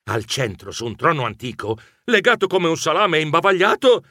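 A man narrating a children's adventure audiobook as a bookish mouse, telling the story in an animated way. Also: on the high side, moderate pace, no room sound, studio quality.

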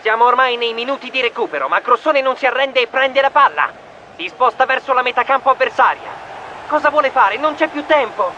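A man voicing an excited male mouse football commentator in a storybook, in rapid sports-commentary style. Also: very high voice, muffled recording, a little hiss or hum, voice pushed up.

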